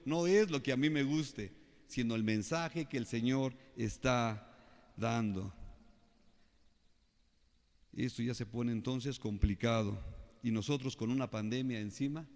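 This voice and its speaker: A male preacher with a Mexican Spanish accent giving a sermon in a church, slowing and rising as he reads scripture aloud and asking the congregation questions. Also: mid-range voice, a little mellow. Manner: slows down and rises when reading scripture aloud. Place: church hall. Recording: reverberant church hall.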